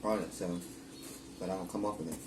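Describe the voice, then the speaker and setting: A man co-hosting a home vlog, chatting casually and haltingly with "um" restarts, a bit away from the mic. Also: deep voice, steady tone. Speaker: co-host, partner. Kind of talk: casual chat. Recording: roomy, off-mic with background noise.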